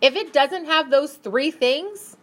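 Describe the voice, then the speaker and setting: A woman teaching a math class, brisk and upbeat, asking her students questions as she works through problems. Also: high-pitched, expressive, a bit bright. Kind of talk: classroom lesson.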